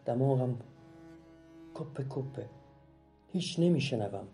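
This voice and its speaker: A man voicing a sick, kind mother who speaks softly and plaintively. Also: medium pitch, lively intonation, creaky, soft background music, pitched above the performer's own voice. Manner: soft and plaintive.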